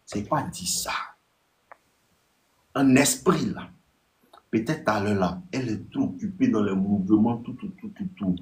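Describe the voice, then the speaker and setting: Animated Ivorian man giving dating advice. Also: measured pace, pauses often, slight background noise. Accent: Ivorian French. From Ivory Coast. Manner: animated, acts out text exchanges in a higher voice; repetitive, addresses listeners directly. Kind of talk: casual live advice talk.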